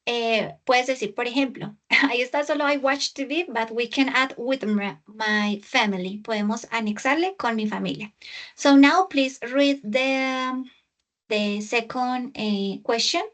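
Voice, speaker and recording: Patient high-voiced tutor, slow speech. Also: female voice, a bit bright. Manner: patient, slow and exaggerated English pronunciation, explaining in Spanish. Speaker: English tutor. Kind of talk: online tutoring session. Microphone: video call.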